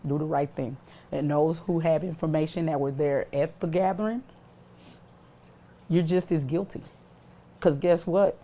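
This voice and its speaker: A grieving mother speaking emotionally and forcefully in a news interview. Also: low voice, fairly even intonation, measured pace, pauses often.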